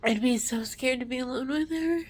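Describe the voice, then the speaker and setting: A woman crying with a snotty, tearful voice as she makes an emotional personal confession in halting, broken phrases. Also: high voice, husky. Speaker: mother sharing a personal testimony.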